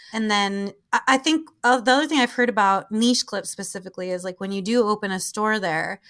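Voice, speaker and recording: A woman's voice: medium pitch, fairly bright tone. Sex: woman. Role: chatty podcast host. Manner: chatty, laughs often, many "like" fillers. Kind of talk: casual interview chat.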